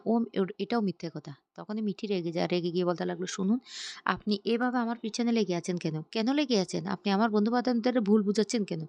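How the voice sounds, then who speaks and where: A woman retelling the scenes of a TV serial in a quick storytelling recap, reading out every character's lines herself. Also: mid-range voice, gravelly, a little mellow, no room sound.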